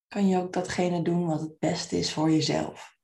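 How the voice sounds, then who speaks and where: A woman leads a meditation in a soft, soothing manner at a moderate pace. Her low voice stays very even, turning creaky at the ends of phrases, and her phrasing is gentle and unhurried.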